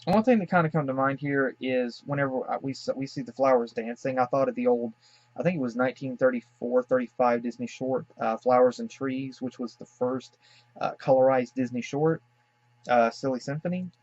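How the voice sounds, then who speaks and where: A man from the Southern United States talks through a cartoon he is reacting to, musing aloud with frequent fillers and apologetic asides. His voice sits at an ordinary middle pitch. The recording is dull and lo-fi, with a dry, close sound. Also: fairly quick, darkish tone, no room sound. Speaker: cartoon reaction channel host. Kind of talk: casual reaction commentary.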